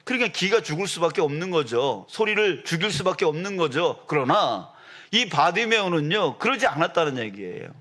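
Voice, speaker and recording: Emphatic preaching man, higher-pitched voice. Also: very animated, fairly quick. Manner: rises to loud emphatic peaks, acts out quoted voices. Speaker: pastor. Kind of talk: sermon.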